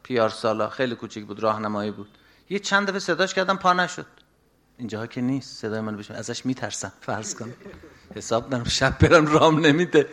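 A middle-aged man preaching a religious sermon, moving between soft, confiding asides and raised, urgent exhortation. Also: medium pitch, expressive.

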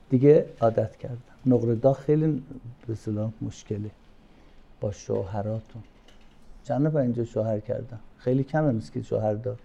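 An older man teaching a religious class, telling personal stories and stressing his points by slowing down and suddenly raising his voice. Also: medium pitch, muffled recording. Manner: warm storytelling with sudden loud emphatic lines; slows down and stretches key words. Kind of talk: informal religious talk to a class.

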